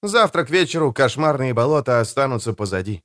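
A man's voice: mid-range voice, sing-song, fast talker, fairly bright tone, no room sound, clean studio sound. Man doing an earnest young man.

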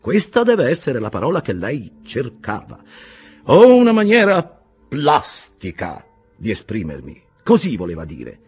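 A man's voice: medium pitch, wildly swooping pitch, measured pace, darkish tone, breathy edge, voice pushed up, full character voice. A man voicing an eloquent, sarcastic Italian humanist who speaks in a declamatory, mocking way. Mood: mocking grandiloquence.

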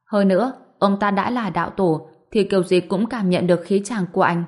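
A woman reading a calm, powerful young male hero in an audiobook, cool and unbothered. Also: medium pitch, brisk, lightly acted. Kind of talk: audiobook narration.

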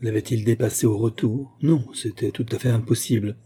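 Dark, husky male narrator. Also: medium pitch, fairly even intonation, a little fast. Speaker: audiobook narrator. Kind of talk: scripted narration.

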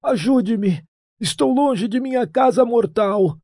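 A man voicing a tormented dying young king who pleads and then commands in a high, strained wail. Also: lively intonation, slow, mellow, dry recording, studio quality, full character voice. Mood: desperate pleading. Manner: desperate, urgent, imperious. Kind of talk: audiobook character voice.

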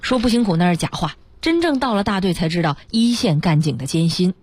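Husky-voiced woman co-hosting radio. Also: lowish voice, animated, darkish tone. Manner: brisk backchannels, reads news items smoothly. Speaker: radio co-host. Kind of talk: radio chat and news retelling. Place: radio studio.

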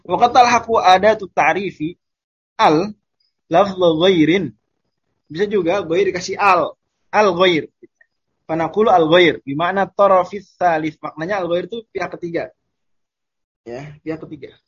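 In a casual online lesson, a man with a high, husky voice teaches Arabic grammar, explaining terms and slowly repeating Arabic examples. The recording has a lo-fi sound.

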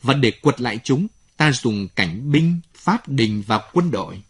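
A man's voice: medium pitch, expressive, unhurried, breathy edge. A man voicing a proud, defiant pharaoh thinking aloud, in a storybook reading.

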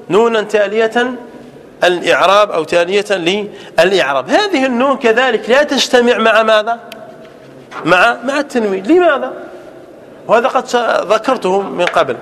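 Male grammar teacher, high voice, dictates slow repeated examples, sometimes drifting off-mic in the classroom. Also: a bit bright, slight background noise. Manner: asks rhetorical questions and repeats examples slowly.

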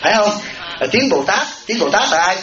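A Buddhist monk, the abbot of a temple, giving a dharma talk in a folksy way, acting out everyday voices and often asking "right?". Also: male voice, high-pitched, big pitch swings, a little fast. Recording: echoey lo-fi hall recording with audience.

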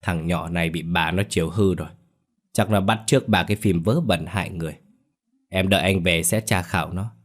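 A man voicing a young husband comforting his wife in a calm, soothing way. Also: low-pitched, fairly quick.

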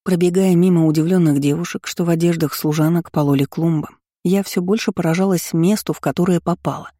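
A woman's voice: fairly low pitch, steady tone, brisk, mellow, a little hiss or hum. A woman narrating a first-person novel as an audiobook, reading steadily and expressively.

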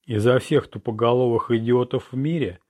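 A man voicing a gruff, blunt police commissioner in an audiobook. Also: medium pitch, normal speed, a little mellow, no echo, clean studio sound, close to an everyday voice. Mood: exasperated.

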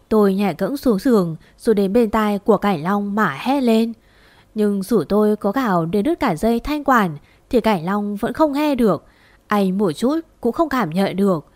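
In a mid-range voice, a woman relates a sorrowful personal story at a slow, grieving pace. The recording is intimate and entirely dry, with no room ambience or echo, and her voice has a slightly mellow quality.

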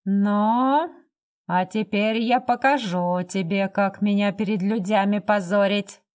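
Woman reading a hoarse drunk husband, short barked orders, storybook voice. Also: mid-range voice, steady tone, takes it slowly, darkish tone, natural voice. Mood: menacing. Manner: curt, barking demands. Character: drunk abusive husband, grown man, hoarse and gruff.

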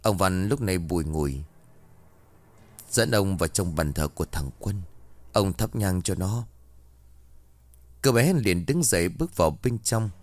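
A man's voice: low voice, expressive, measured pace, long pauses, dry recording. A man narrating a ghost story, voicing each character's lines himself.

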